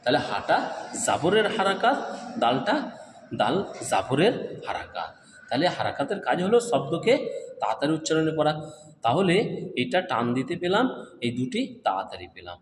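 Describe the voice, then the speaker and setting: Guy teaching quran letters, kinda high voice, stretches syllables out like singing, big echoey room w long reverb. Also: very animated, moderate pace, pauses often, slight background noise. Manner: drawls sung syllables, asks and answers himself. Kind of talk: step-by-step recitation lesson.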